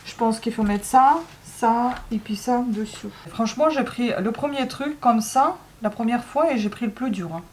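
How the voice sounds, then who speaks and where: A woman's voice: on the high side, moderate pace, few pauses, a little mellow, a little hiss or hum. Chatty joking woman vlogger. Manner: chatty, joking, grumbling, lots of "hein". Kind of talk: casual chat vlog.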